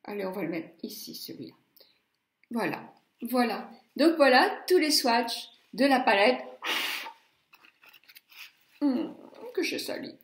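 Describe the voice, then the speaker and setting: Slow-talking woman reviewing makeup. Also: on the high side, animated, roomy sound. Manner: chatty, muttering asides, stumbles over English names. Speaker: beauty blogger. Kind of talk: casual makeup palette review.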